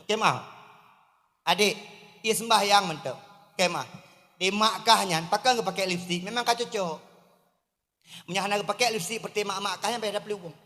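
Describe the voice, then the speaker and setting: A man from Aceh, Indonesia, delivers a humorous sermon to a crowd in a mosque courtyard, speaking with an Acehnese accent. At a measured pace with long pauses and a large-hall sound, he swings between low asides and loud, emphatic calls.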